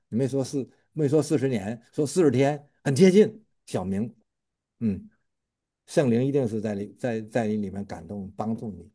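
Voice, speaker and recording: A man's voice: mid-range voice, moderate pace, mellow. A man preaching a sermon in a casual storytelling way, often repeating words as he talks, with chuckling asides and questions put to his listeners. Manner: stammering repetitions, chuckling asides, quizzing listeners.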